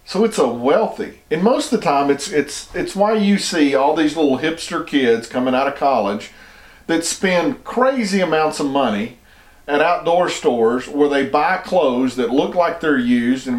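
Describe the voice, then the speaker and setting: Emphatic American man in a roomy space. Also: mid-range voice. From United States. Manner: emphatic, argumentative, repeats words while restarting. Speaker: commentator. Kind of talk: opinion monologue.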